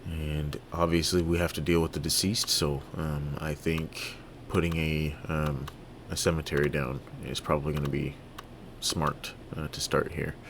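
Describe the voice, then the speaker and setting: A man from Toronto giving relaxed, halting let's-play commentary on a city-building game, full of fillers and restarts. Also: very deep voice, a little hiss or hum. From Toronto, Canada. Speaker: gaming video creator.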